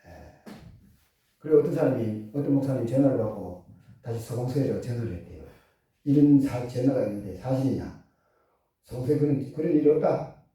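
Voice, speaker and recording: A man's voice: mid-range voice, brisk, long pauses, warm tone. A man preaching a sermon, full of rhetorical questions to the congregation. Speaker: pastor. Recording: echoey church hall from far off.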